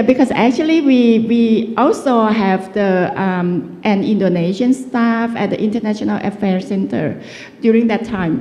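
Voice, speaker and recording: A woman from Thailand gives a guest lecture in a lecture hall, talking in a chatty, conversational way and frequently pausing to find her words. Her voice is mid-range and mellow. The recording carries a little hiss or hum and the long reverb of the hall.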